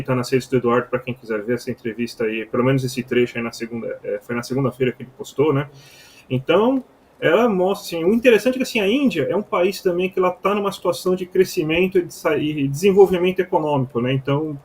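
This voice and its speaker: A man commenting on economic news on a live news show, talking in an animated, emphatic way with many fillers and restarts. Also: on the high side, a little hiss or hum.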